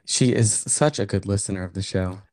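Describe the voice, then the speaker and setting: Lowish-voiced man, rambling podcast host. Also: brisk, darkish tone, dry recording, clean studio sound. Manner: rambling, heavy use of "like" and "um". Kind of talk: casual podcast chat. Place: room in a house. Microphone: condenser microphone.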